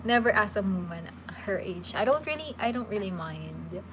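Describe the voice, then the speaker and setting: This livestream host is a Filipino woman in her thirties with a mid-range voice, speaking at a moderate pace as she chats with viewers and responds to their questions. She's casual and talkative, with frequent restarts, and background noise is present.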